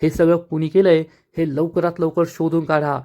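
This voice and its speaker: A man voicing a furious, powerful rich father who scolds and shouts at the police in a retold serial scene. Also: fairly high pitch, level tone, moderate pace, natural voice.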